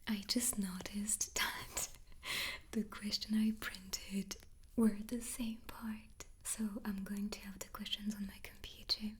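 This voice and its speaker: Girl whispering asmr, slow n soft, playful little asides. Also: medium pitch, flat delivery. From France. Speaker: ASMR creator and host. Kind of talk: whispered ASMR casual chat.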